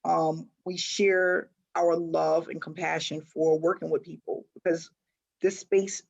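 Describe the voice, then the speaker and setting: A woman hosts a webinar over a video call, warmly encouraging the people who share their stories. Her voice is husky and slightly gravelly, and she breaks into laughter often. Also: low-pitched, level tone, slow pace, lo-fi sound. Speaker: webinar host. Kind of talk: casual video call chat.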